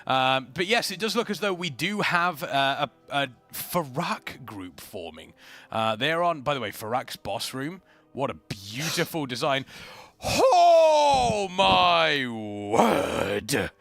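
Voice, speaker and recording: Animated livestream host hyping up viewers. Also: medium pitch, a little slow, no echo. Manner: playful hype-caller, stretches out announcements. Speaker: livestream co-host and esports caster. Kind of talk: excited live stream hosting and commentary. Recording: music behind the voice.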